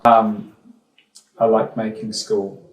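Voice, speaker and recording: A middle-aged school principal from New Zealand answers interview questions thoughtfully, his fairly low voice level and slow, with many ums and restarts. He sits far from the mic, so the sound is roomy.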